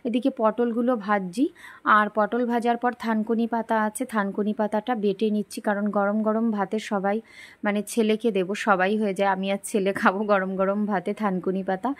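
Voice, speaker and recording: Soft-spoken tired woman vlogger. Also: level tone. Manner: soft, slow and low-energy. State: unwell and tired. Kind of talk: daily life vlog voice-over.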